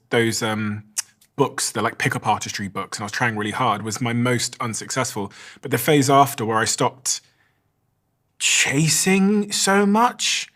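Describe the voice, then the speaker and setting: A man's voice: mid-range voice, a bit bright. Reflective man hosting a podcast. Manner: reflective, shares personal stories. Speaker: podcast host. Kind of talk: podcast conversation.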